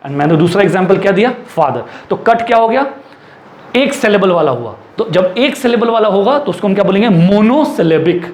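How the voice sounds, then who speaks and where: A man teaching an English lesson in Hindi mixed with English, asking the class questions and answering them himself, and repeating rules slowly as he writes them out. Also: high voice, expressive, darkish tone. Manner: repeats and dictates slowly while writing. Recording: echoey room with faint ambient noise.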